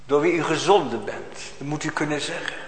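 A pastor with a slightly high voice speaks fairly quickly, scolding his congregation through pointed rhetorical questions in an emphatic sermon. The church's long reverb echoes around him, with slight background noise.

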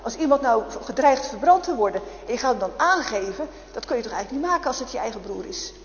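A woman's voice: fairly high pitch, expressive, fast talker, echoey room, long reverb tail, lo-fi sound, a little hiss or hum. A woman voicing a kindly male innkeeper who talks his wife out of something. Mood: persuading. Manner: reasonable, persuading.

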